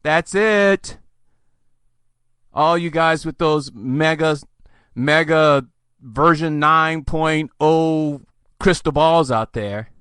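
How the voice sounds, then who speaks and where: A man's voice: on the high side, extremely slow, pauses often, fairly bright tone, clean tone, no echo. A man hosting a podcast, ranting sarcastically with theatrical mock outbursts. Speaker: podcast host. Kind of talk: sarcastic solo podcast rant.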